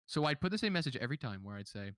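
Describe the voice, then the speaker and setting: A man co-hosting a casual podcast, talking fast and tumbling through stories with "like" after "like". His voice is bright and forceful, and the sound is dry and close. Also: mid-range voice, big pitch swings, dry recording. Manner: fast, filler-heavy storytelling with lots of "like". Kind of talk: casual chat.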